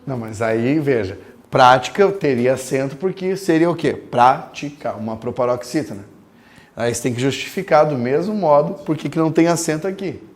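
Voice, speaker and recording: A man teaching a grammar lesson, emphatic and drawing out terms slowly as he dictates. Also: medium pitch, darkish tone. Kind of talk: recorded classroom lecture.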